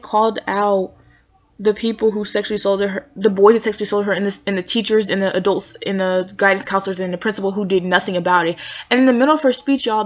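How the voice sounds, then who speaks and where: Chatty young woman podcasting from a dorm. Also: mid-range voice. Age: young adult. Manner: casual, chatty, filler-heavy. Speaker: student podcaster. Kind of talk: solo podcast monologue. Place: dorm room at night.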